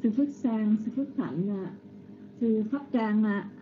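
A woman's voice: fairly high pitch, measured pace, slight background noise. A woman moderating a scripture session, politely inviting monks to recite and hesitating with frequent fillers. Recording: tinny phone-like call audio.

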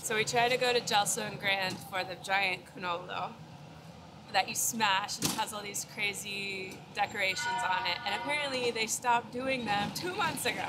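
On camera, a woman in her thirties, a travel vlogger, gives a casual food review chat in a mid-range voice at normal speed, laughing a lot and offering blunt ratings. She's out in busy city streets and restaurants, inside and outside, recorded on a handheld camera held at arm's length. Loud music, street crowds and traffic noise fill the background.

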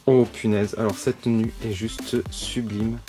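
A man's voice: lowish voice, level tone, a little slow. Gushing man unboxing toys over music. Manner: gushing, frequent delighted exclamations. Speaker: toy unboxing vlogger. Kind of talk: casual unboxing commentary. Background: background music.

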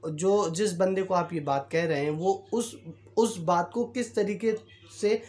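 A man teaching a lesson in a conversational way, pausing on fillers and acting out bits of quoted dialogue. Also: high-pitched, darkish tone. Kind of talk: explanatory lesson.

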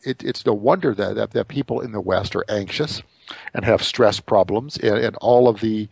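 A man's voice: lowish voice, normal speed, creaky, darkish tone, slightly rough, no room sound. A middle-aged American man hosting an interview show, talking casually and often stumbling over repeated words as he starts his sentences. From United States. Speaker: radio show host.

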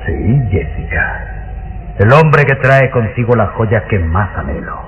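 An actor playing a sinister, ancient aristocratic vampire count in an old radio drama, theatrical, mocking and drawn-out. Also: male voice, on the low side. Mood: gloating. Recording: dull old radio recording with music.

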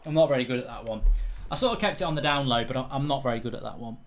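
A man chatting casually while streaming a game, reading chat aloud and shouting at his character. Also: mid-range voice, racing, soft background music.

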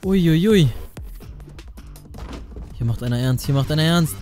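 A young adult man hosting a gaming video, talking casually and playfully in youth slang with an excitable manner. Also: medium pitch, quick pace. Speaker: gaming video creator and host. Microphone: studio condenser microphone up close. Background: faint music.

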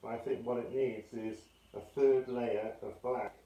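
A man teaching a casual art tutorial indoors, talking in a relaxed, offhand, self-deprecating way through a respirator mask that muffles his voice. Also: mid-range voice, measured pace. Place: indoor studio room. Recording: roomy, mic at a distance.

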